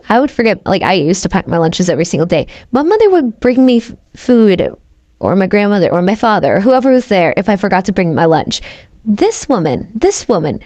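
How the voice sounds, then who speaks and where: A woman's voice: mid-range voice, a little mellow, no room sound, dull audio. A woman streamer with a cute anime-style manner, giving casual, playful reaction commentary. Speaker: host, VTuber streamer.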